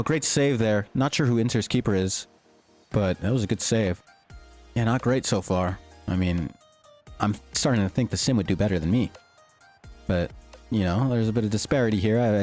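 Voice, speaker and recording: A young man giving excited, slangy commentary over his own gameplay, his voice starting to go. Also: fairly low pitch. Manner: hyped, slangy, swings between joking and shouting. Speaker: gaming YouTuber. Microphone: desktop mic, peaking.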